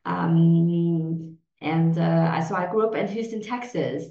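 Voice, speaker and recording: This podcast guest, a Vietnam-born woman in her forties whose first language is Vietnamese, has a lowish, dark voice with vocal fry and a slow pace. She stumbles through the interview questions, restarting often and using plenty of fillers. The audio is lo-fi, dull and roomy.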